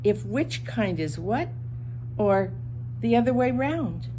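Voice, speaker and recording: Woman as excitable, high-swooping storybook creature. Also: takes it slowly, slight background noise. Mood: dismayed, snooty. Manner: exclaiming, emphatic. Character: excitable, boastful storybook creatures, squabbling over status. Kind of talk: children's storybook read-aloud.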